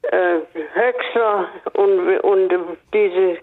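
An older woman phones in to a radio program, her voice thin and tinny down the line. She talks slowly and haltingly, stopping often to search for words. Her pitch sits in a middle range for a woman. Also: steady tone. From northern Hesse. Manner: slow, hesitant, many pauses and fillers. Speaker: radio caller. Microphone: telephone.

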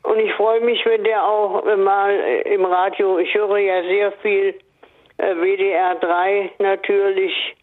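An older woman from northern Hesse calling in to a radio show, speaking slowly and hesitantly, with many pauses and fillers. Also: medium pitch, little pitch movement. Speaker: radio caller. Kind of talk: phone-in chat on radio. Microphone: telephone. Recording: tinny phone line.

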